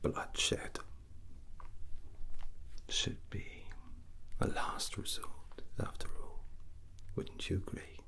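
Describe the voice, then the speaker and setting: In a whispered ASMR roleplay, a man plays a drunken, brooding fantasy prince who is quietly scheming. His breathy, hushed voice is slow, halting, and musing, broken by long pauses.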